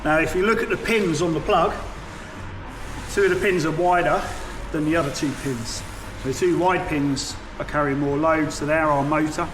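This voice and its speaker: A fairly high-pitched man speaks steadily at a normal speed. In a noisy vehicle workshop, he acts as a mechanic presenter, taking viewers through an informal hands-on tutorial one step at a time.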